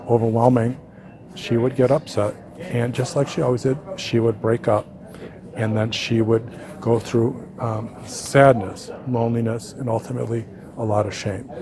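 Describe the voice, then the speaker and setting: Man telling a story, mid-pitched. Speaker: therapist. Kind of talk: storytelling to an audience.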